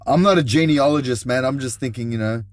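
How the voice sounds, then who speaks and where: A podcast co-host with a medium-pitched voice talks at a quick pace, bantering in a laid-back, blokey way with loose phrasing and swearing. The show is recorded in a vintage caravan converted into a studio.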